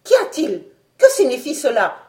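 Woman reading excitable male scientist, high-pitched shouts, urgent, commanding, audiobook. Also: normal speed, roomy sound. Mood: alarmed. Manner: loud, urgent exclamations.

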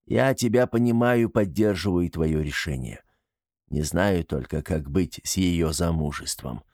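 A gloomy, deferential old tribesman played by a male audiobook narrator. He speaks in a very low, dark voice, subdued and hesitant, with a mournful, bashful manner. The sound is close and dry. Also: unhurried, no room sound. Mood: resigned. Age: older.

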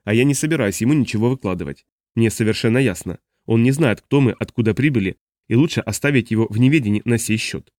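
A man's voice: medium pitch, quick pace, darkish tone, dry recording, studio quality, natural voice. A man voicing a stubborn, guarded traveler who refuses to give answers. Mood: defiant.

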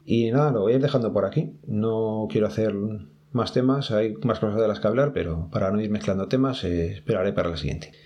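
A podcast host who works at an ID card office speaks with a Spain Spanish accent, his voice fairly low, fairly quick, and warm. In a casual, chatty monologue, he gives his listeners practical advice, addressing them directly.

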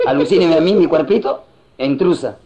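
A man's voice: on the high side, moderate pace, very noisy. A man with a Peruvian Spanish accent doing a slangy stand-up routine, slipping into mocking voices. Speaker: stand-up comedian. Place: live show with laughing audience and band. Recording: dull lo-fi live recording with loud crowd.

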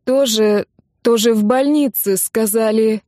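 A woman's voice: a little high, a little slow, warm tone, dry recording, studio quality, lightly acted. A woman voicing a panicked young man who is crying on the phone, speaking in broken, breathless phrases. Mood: tearful.

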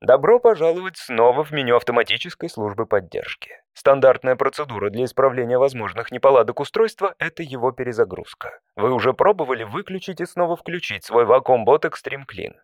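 Man acting as a deadpan automated phone menu voice. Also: medium pitch, no echo, dull audio, close to an everyday voice. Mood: deadpan, apologetic. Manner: phone menu voice, measured scripted prompts. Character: automated customer support phone menu voice, politely deadpan, faintly exasperated. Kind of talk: scripted comic audio story.

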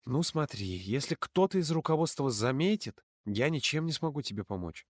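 A man voicing a stern, dutiful young woman camp counselor who scolds and then turns shrill with outrage in an audiobook. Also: animated, moderate pace, dry recording, studio quality, natural voice. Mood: reproachful. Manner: reproachful, rising to shrill outrage.

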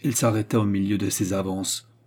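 A man narrating a classic novel as an audiobook in measured, even storytelling. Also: fairly low pitch.

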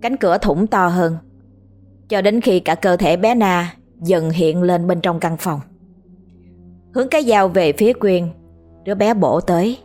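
A woman telling a scripted horror story in a steady, measured way. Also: lowish voice, faint music behind.

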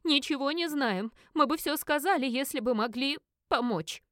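A woman's voice: sits high, normal speed, a bit bright, no echo, clean studio sound, voice pushed up. A woman reading the part of a frightened, tearful young witch in an audiobook. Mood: distressed. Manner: tearful, ringing with fear.

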